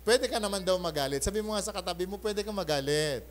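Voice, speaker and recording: High-pitched guy pastor, sunday sermon, gets loud then goes soft, keeps asking for amen. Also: fast, slight background noise. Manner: animated, often asks the congregation for an amen; switches between loud bursts and soft asides. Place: church.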